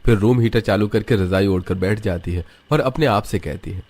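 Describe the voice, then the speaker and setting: A man reading scripted story narration, steady and even. His voice sits on the low side. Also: normal speed.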